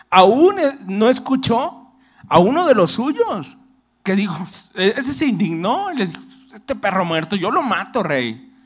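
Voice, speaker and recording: A male preacher with a notably high voice speaks directly to his listeners and keeps calling them brother. He reads scripture aloud, then retells it in plain words and follows it with rhetorical questions. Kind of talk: sermon.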